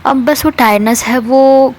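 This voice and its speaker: A woman's voice: high voice, fairly even intonation, measured pace, darkish tone. A woman voicing a tired, puzzled young woman who explains herself defensively in a storytelling reading. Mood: explaining.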